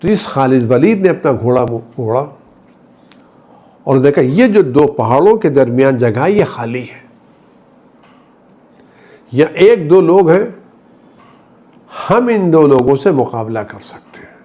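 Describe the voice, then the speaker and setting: A man delivering a Friday sermon, telling the story with passion, his voice rising high for emphasis, then dropping low and quiet. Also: animated, unhurried. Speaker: Shia cleric giving a Friday sermon. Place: studio.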